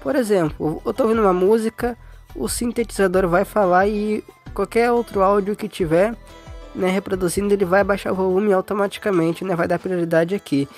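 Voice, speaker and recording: A woman's voice: mid-range voice, fairly quick, a little mellow. A Brazilian woman talks through a phone tutorial step by step in a casual, informal way. She often checks in with short tag questions, and faint music plays behind her. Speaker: tutorial host.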